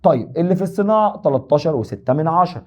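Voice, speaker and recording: Fast-talking Egyptian male teacher. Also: on the high side, lively intonation, a little mellow. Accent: Egyptian Arabic. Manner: joking, teasing students while explaining. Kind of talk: exam review lesson.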